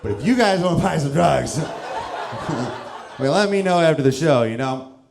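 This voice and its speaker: A man's voice: fairly high pitch, lively intonation, unhurried, creaky, a little mellow, echoey room, slight background noise. A stand-up comedian in his thirties from St. Louis, with a loose, self-mocking delivery and chuckles between lines, on a club stage with a handheld mic. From St. Louis, Missouri, USA. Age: 30s.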